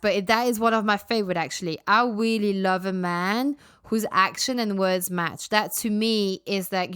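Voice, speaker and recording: Woman podcasting solo, chatty and frank, smooth clear voice, mid pitch. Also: fairly bright tone. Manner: chatty, frank, full of fillers and asides. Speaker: podcast host. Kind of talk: casual solo podcast chat.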